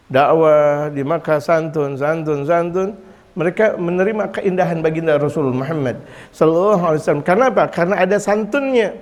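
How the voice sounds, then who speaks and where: Male preacher, high voice, animated delivery with loud outbursts, long hall reverb. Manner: lively, swings from quiet to loud, chuckles often. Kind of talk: Islamic sermon in Indonesian.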